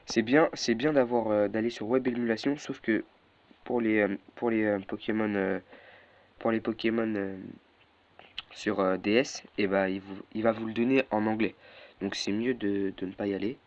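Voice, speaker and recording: A man's voice: lowish voice, steady tone, normal speed, a little mellow. A young man walking through a casual tutorial, hesitant, with many fillers and self-corrections. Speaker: tutorial maker. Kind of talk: casual screen-recorded tutorial. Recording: dull lo-fi mic with faint noise.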